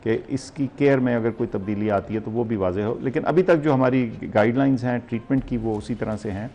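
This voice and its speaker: Measured Pakistani man with gravelly voice. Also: medium pitch, dark tone, dull audio, a little hiss or hum. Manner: measured, polite, explanatory. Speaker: health official guest. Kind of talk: interview answers.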